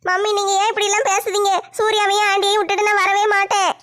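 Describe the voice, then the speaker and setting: A woman's voice: very high-pitched, level tone, fast, a bit bright. A woman playing a stubborn young wife. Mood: pleading. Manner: pleading, whiny protests. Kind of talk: family comedy skit.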